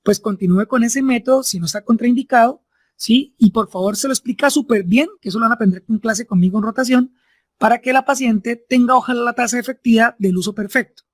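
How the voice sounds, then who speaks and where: Pitched extremely high and moving at a quick pace, a male medical lecturer explains his subject in stages, recorded dry. Tag questions come often as he checks his students understand.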